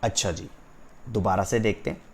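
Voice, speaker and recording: A man teaching a physics class, dictating slowly, repeating key terms and checking that students follow. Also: on the low side, darkish tone, slight background noise. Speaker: physics tutor. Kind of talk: online class lecture.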